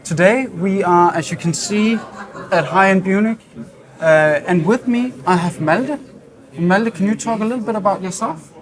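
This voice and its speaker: In a busy hi-fi trade show hall, a man with a high voice hosts an on-location interview, putting questions to a guest at normal speed. Crowd chatter surrounds him.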